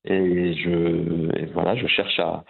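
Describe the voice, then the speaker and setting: His voice sits low and gravelly with a breathy edge, level in tone and slow in delivery, heard through narrow, tinny audio. In his fifties and from Morocco, this pharmacist and visual artist talks about his work as a guest in a relaxed interview, often using fillers and starting over.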